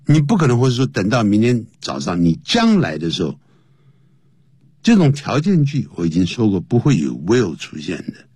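Male teacher, low husky voice, very slow and deliberate, pitch leaps up on key points, dry close sound. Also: wildly swooping pitch, a little mellow, no room sound. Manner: explains slowly, spells words out letter by letter; pitch jumps high to stress points. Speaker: English teacher. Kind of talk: classroom English lesson.

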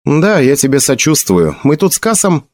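Man voicing loyal young captain, reassuring, slightly raised pitch, storybook reading. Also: big pitch swings, moderate pace, dry recording.

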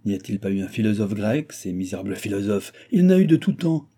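A man's voice: on the low side, fast, slightly rough. A man reading the part of an old, skeptical, boisterous baron who mocks and exclaims. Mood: mocking. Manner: mocking, excitable exclamations.

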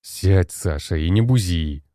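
A man doing a gruff heavyset general. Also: low-pitched, animated, a little slow, warm tone, no room sound, studio quality. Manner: gruff, lecturing. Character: stout gruff male general, square-faced.

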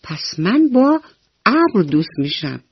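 A woman's voice: medium pitch, sing-song, breathy edge, no room sound, heavily acted. Mushmushi, a woman doing an eager little boy mouse. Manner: eager, questioning, earnest. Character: curious little boy mouse seeking strong friend. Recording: slightly dull radio recording with soft music.

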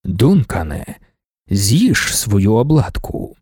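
A man voicing a booming ancient god-emperor. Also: sing-song, darkish tone, slightly rough, dry recording, clean studio sound, heavily acted. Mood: commanding. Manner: slow, booming, ceremonial pronouncements. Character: ancient commanding male god-emperor, solemn. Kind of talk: audiobook narration.

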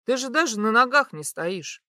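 A woman's voice: fairly high pitch, animated, normal speed, sharp tone, no room sound, studio quality. A woman voicing an exasperated young husband who mutters his complaints. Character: grumbling young man, worried husband.

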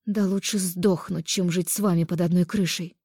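A woman's voice: on the low side, fairly even intonation, normal speed, mellow, slightly rough, no room sound, clean studio sound. A woman voicing a defiant young fairy woman in an audiobook, with a raised, tense, protesting voice.

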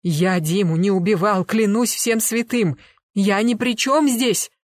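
A man's voice: high voice, steady tone, a little fast, darkish tone, dry recording, clean studio sound, natural voice. A reader voicing a desperate man in his fifties who passionately swears his innocence in audiobook dialogue. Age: 50s. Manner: passionate, emotional. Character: desperate fifty-year-old husband swearing innocence.

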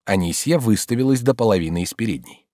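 A male narrator reads a classic novel aloud with measured, expressive delivery. His pitch rises and falls in a lively way. The recording is dry and close with no room sound. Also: no room sound. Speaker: audiobook narrator. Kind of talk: literary audiobook reading.

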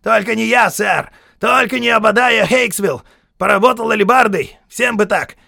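A man doing a shrill, manic killer sergeant. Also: normal speed, creaky, bright, forceful tone, no echo, clean studio sound, full character voice. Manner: shrill, manic, sneering, barking "sir". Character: crazed murderous male army sergeant, fawning.

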